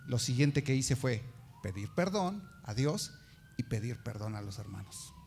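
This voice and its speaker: A man's voice: mid-range voice, big pitch swings, unhurried, creaky, noisy background. A man preaching a sermon, telling a personal story and acting out the voices of the people he quotes.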